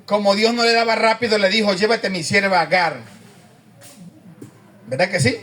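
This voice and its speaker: A man's voice: high voice, moderate pace, a bit bright. A man preaching a conversational sermon, often asking the congregation questions and repeating amen.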